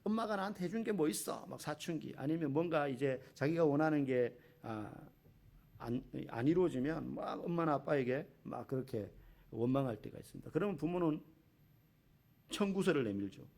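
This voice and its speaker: A man's voice: medium pitch, normal speed, creaky, a little mellow. A man preaching a sermon as a pastor in a church, talking in a conversational way, asking the congregation questions and acting out quotes.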